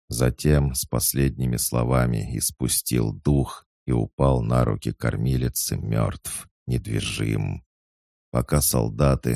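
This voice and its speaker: A man's voice: rumbling low, gravelly, dry recording, clean studio sound. A man reading a historical novel aloud as an audiobook narrator, giving every character a voice. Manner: reads all characters, raising voice for shouted lines.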